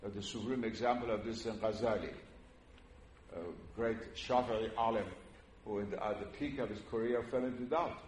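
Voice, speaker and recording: An older religious lecturer from Iran, whose first language is Persian, speaks to a public audience in a hall with a fairly low, steady, slightly mellow voice. He's earnest and measured, frequently pausing on "uh." The recording is roomy, with faint noise.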